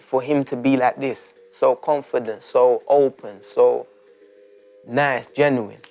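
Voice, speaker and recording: A young man from Turkey, telling his life story in a documentary interview, reflective and halting with many restarts. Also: medium pitch, steady tone, vocal fry, a little mellow, soft background music.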